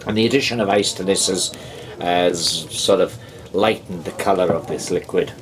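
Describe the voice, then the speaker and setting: A man giving a casual whisky tasting review, talking in a rambling, halting way with many pauses and restarts. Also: sits low, a crowd in the background, poor audio. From United Kingdom. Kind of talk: casual tasting review with a joke told aloud.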